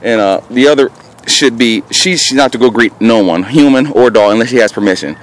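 This one is a mid-range male voice speaking fairly quickly as he narrates dog training in an open park. He gives casual instructions, interrupted by brief, firm commands, while recording on a handheld camera he holds. Background noise from outdoors comes through the noisy audio.

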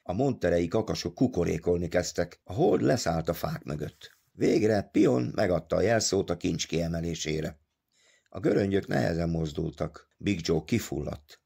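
Male audiobook narrator, very deep and gravelly, husky, measured storytelling. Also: lively intonation, mellow. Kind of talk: scripted narration.

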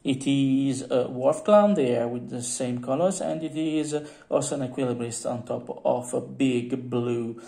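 Gender: man. Role: hobbyist vlogger. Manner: halting, filler-heavy, playful. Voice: gravelly, unhurried. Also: medium pitch, warm tone. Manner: hesitant, halting, many fillers, playful asides. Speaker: hobbyist showing painted figurines. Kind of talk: casual show-and-tell vlog.

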